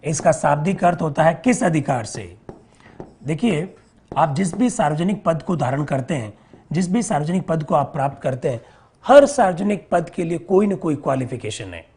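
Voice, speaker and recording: A man teaching an exam-prep lecture, who repeats key terms slowly and asks and answers his own questions. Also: fairly high pitch, animated, darkish tone, husky.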